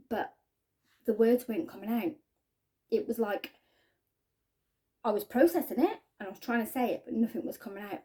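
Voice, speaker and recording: A woman giving a halting, earnest personal testimony to camera, often trailing off quietly. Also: a little high. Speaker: spiking victim sharing her story.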